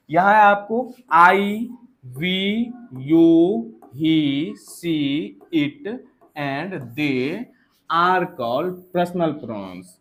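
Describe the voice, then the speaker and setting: A male teacher explaining grammar in an online class, steady and explanatory, often pausing to check in with his students. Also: fairly high pitch. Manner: steady explanatory pace, repeating "ठीक है" to check in.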